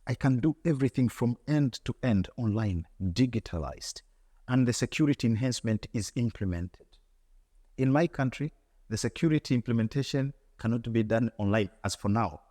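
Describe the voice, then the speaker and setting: A man's voice: medium pitch, normal speed, warm tone, long reverb tail. A man from Tanzania, answering as an interview guest in an earnest, reflective way, often repeating words and restarting.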